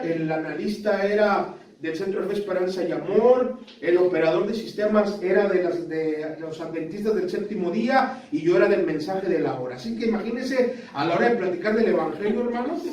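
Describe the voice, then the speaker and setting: A male pastor with a northern Mexican accent, telling a story in a sermon, going from hushed to shouting. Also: sits high. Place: large echoey church hall. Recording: echoey church hall, far from mic.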